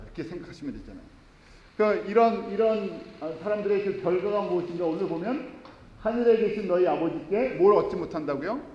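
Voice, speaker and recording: High-voiced pastor preaching in an echoey hall. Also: male voice. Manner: earnest, asks the congregation questions and answers them. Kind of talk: sermon. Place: church sanctuary.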